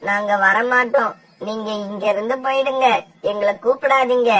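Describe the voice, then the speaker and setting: A woman's voice: on the high side, steady tone, normal speed, fairly bright tone, distant mic, lightly acted. A woman voicing an earnest, stubborn eldest child bird in a cartoon, insisting firmly. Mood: insistent.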